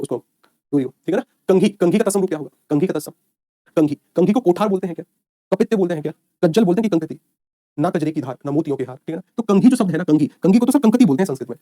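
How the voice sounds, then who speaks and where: Fast-talking, high-voiced male teacher. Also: dark tone, dry recording. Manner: quizzing, repeats questions and answers himself; brisk, with folksy asides. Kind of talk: online exam-prep lecture.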